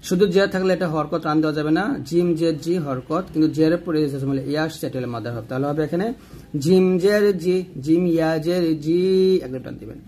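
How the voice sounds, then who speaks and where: A man's voice: on the high side, fast talker, mellow, a little hiss or hum. A man teaching Quran reading in Bengali with a Bangladeshi accent, patiently spelling out each Arabic letter and vowel mark in a repetitive drill.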